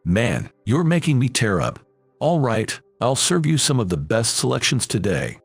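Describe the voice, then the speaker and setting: A man's voice: mid-range voice, huge pitch swings, moderate pace, gravelly, breathy edge, dry recording, faint music behind, full character voice. A man voicing a kind, fatherly middle-aged restaurant chef. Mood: fond. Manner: warm, fatherly.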